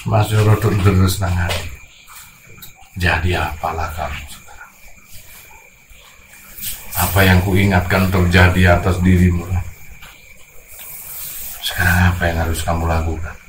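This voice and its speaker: A man preaching a sermon to a congregation, scolding bluntly, his voice dropping to hushed tones and then rising to loud outbursts. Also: low-pitched, fairly even intonation, unhurried, long pauses, reverberant, background noise.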